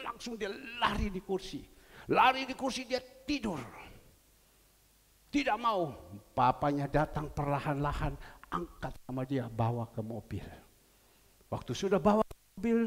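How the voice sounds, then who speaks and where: A male pastor preaching a sermon, telling a story with lively swings between loud cries and soft asides. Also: sits high, creaky. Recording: long reverb of a church hall.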